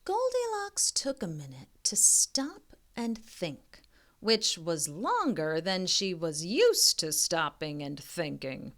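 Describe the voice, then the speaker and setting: Woman, children's read-aloud tutor: very unhurried delivery, lively melodic pitch, chatty teacherly asides. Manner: expressive, teacherly, pauses to question listeners. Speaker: reading tutor reading a picture book aloud.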